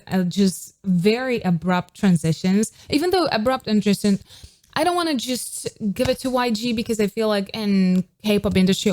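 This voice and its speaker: A woman's voice: lowish voice, a little mellow. A woman vocal coach giving an enthusiastic, casual reaction to a pop song, now and then singing short riffs to show a technique. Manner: enthusiastic, demonstrates sung riffs.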